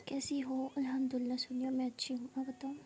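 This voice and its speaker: A woman casually chatting on a phone live stream, reading viewer comments aloud in a soft, half-whispered, playful way. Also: high-pitched, completely flat delivery, quick pace.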